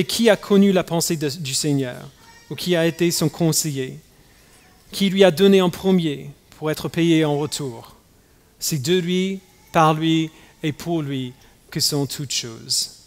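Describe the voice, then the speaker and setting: Man, pastor, raised in the US; halting sermon delivery full of restarts; long church-hall reverb. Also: a little high. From United States. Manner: halting, many fillers and restarts.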